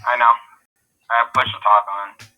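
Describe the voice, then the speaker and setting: A man's voice: medium pitch, flat delivery, unhurried, dull audio. A man co-hosting a casual podcast, heard over a voice chat call, chiming in briefly, agreeable and a little unsure. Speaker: podcast co-host.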